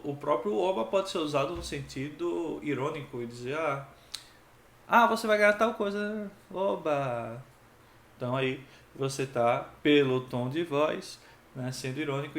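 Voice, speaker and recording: A male teacher giving a grammar lesson, acting out each example with expressive tones. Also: mid-range voice, normal speed, creaky. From Pernambuco, Brazil. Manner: lively, acts out each interjection with expressive tone. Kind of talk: exam-prep grammar lesson. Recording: echoey room.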